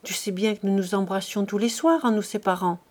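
A woman's voice: mid-range voice, steady tone, a little fast, darkish tone, natural voice. A woman reading as a tender, anxious young man.

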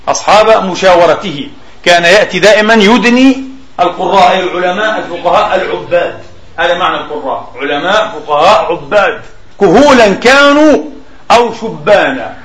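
High-voiced preacher in an echoey hall. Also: male voice, fairly bright tone. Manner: slow emphatic recitation of quotes, explanatory asides. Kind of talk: Friday sermon.

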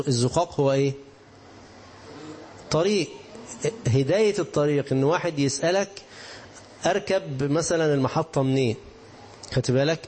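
Egyptian male sheikh, religious lesson, quick delivery, slightly high voice, faint hiss behind, keeps asking the room questions. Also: a little mellow. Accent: Egyptian Arabic. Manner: conversational, asks rhetorical questions to the listeners; explains slowly with everyday examples. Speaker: sheikh teaching hadith.

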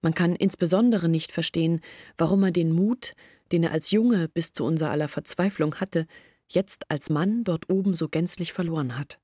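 In a German radio play monologue, an actress plays a young village woman earnestly confiding her family's troubles. Her fairly low voice is mellow and slightly rough, at a moderate pace, in a studio-quality recording without echo.

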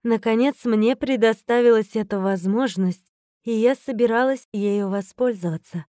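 Mellow-voiced woman narrating a playful romance. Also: on the high side, normal speed, no echo, clean studio sound. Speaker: audiobook narrator. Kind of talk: first-person novel narration.

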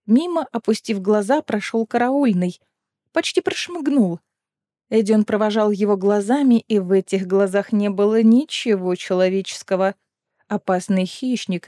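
A woman narrating a fantasy audiobook in an even, measured storytelling voice. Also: medium pitch, no echo. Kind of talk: scripted narration. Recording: dry close mic with faint music.

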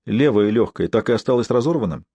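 A man's voice: medium pitch, expressive, quick pace, mellow, slightly rough, dry recording, highs cut off. Man reading a sarcastic, grumbling young ruler. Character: sardonic, weary young male ruler.

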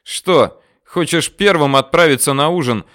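A man's voice: a little high, a little slow, a bit bright, clean tone, no room sound, studio quality, voice pushed up. Man putting on a bellowing savage jailer. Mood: menacing, shouting. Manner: mocking, barking threats. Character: brutish loud male cannibal savage jailer.

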